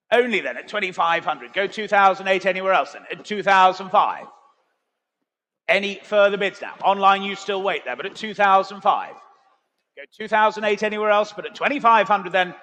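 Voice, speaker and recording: A man's voice: high voice, pushed and bright. A man working as an auctioneer, calling bids in a repetitive chant. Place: large auction sale room. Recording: long echoing hall reverb.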